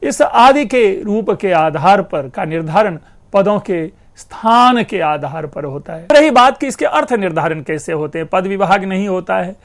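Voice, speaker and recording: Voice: medium pitch, expressive, measured pace. A lecturer giving an academic lecture in an explanatory way, addressing the listeners as friends and stressing key terms.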